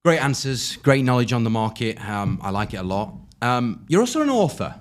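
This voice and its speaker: A man's voice: medium pitch, sing-song, fairly quick. A British man hosting a podcast interview, eagerly agreeing and asking leading questions. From Britain. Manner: eager, affirms often, asks leading questions. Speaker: podcast host.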